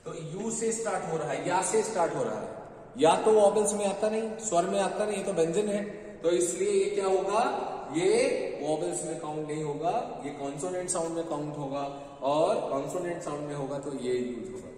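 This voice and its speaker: A man with an Indian accent, pitched fairly high, teaches an English grammar lesson. He keeps asking the class a question and answering it himself, going over each point slowly. He is heard from a distance in a big echoey room with a long tail of reverb and some faint noise underneath. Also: darkish tone. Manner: repeats questions and answers them, drills slowly.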